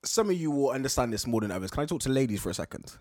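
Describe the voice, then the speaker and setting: A young man, talking in a loose, casual chat as co-host. His voice swings up and down with lively pitch. He tells stories with animation, putting on voices for the people in them and breaking into laughs. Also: very fast. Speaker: podcast co-host.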